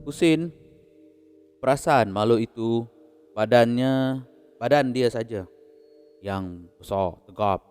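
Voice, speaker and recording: A man with a Malaysian Malay accent narrating a horror story in a casual, unhurried way, chuckling between beats. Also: medium pitch, a little mellow, smooth, in a large hall, soft background music.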